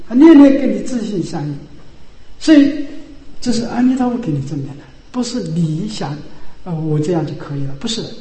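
A man preaches Buddhist doctrine in a very high, lively voice that swoops up and down. His tone is soft and dark, and he keeps repeating rhetorical questions before dropping into quiet asides. The sound rings through a roomy hall with a long echo. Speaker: Buddhist teacher. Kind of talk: sermon. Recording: echoey hall.

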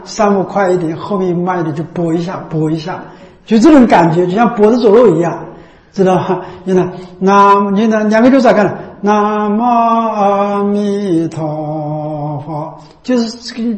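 Male chant teacher, high voice, informal and repetitive, checks in constantly, roomy reverberant sound. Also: brisk, darkish tone. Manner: repetitive, keeps asking "know what I mean?". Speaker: Buddhist chanting instructor. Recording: echoey room.

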